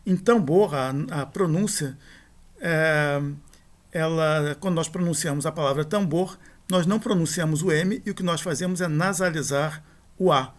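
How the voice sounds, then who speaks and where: A middle-aged man gives a recorded grammar lesson. He explains patiently, often corrects himself and adds little tag questions. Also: on the high side. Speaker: teacher. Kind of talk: recorded grammar lecture over slides.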